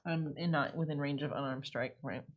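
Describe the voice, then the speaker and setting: A woman's voice: sits low, steady tone, a little fast, phone-quality sound. A woman playing a tabletop game in casual chat, blunt and joking. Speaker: player.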